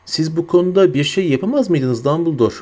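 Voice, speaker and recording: A man voicing a stern, worried older woman professor who speaks in a hushed, clipped way. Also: fairly high pitch, fairly quick, voice pushed up, natural voice.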